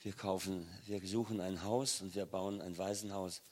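An older man preaching and telling a personal story with emotion, rising loud on key points and dropping soft when he voices pleading children. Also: low voice, fairly even intonation, normal speed. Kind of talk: sermon testimony.

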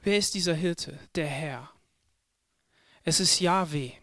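A man preaching a sermon at a church service, speaking slowly and emphatically and repeating words for stress. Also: fairly high pitch, fairly bright tone, no room sound, clean studio sound.

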